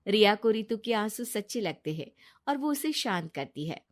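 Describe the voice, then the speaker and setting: A woman storyteller reading a cartoon bedtime story aloud in scripted narration. Her voice is mid-pitched and plain, with a steady, even delivery. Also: normal speed.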